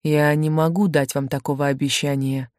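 A woman's voice: low-pitched, flat delivery, moderate pace, darkish tone, dry recording, clean studio sound, voice pushed down, close to an everyday voice. A woman voicing a shaken, lovesick young male postgraduate in a storybook reading, speaking in a muted, subdued way. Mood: dejected.

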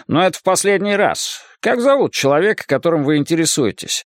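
A man's voice: a little high, lively intonation, a little fast, dry recording, pitched above the performer's own voice. A man voicing a heavyset male librarian who questions two boys sternly and with suspicion. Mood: probing.

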